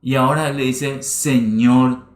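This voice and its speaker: A man's voice: mid-range voice, moderate pace. A man preaching a sermon as pastor, stressing his points by repeating phrases. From Paraguay. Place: church hall. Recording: roomy church livestream.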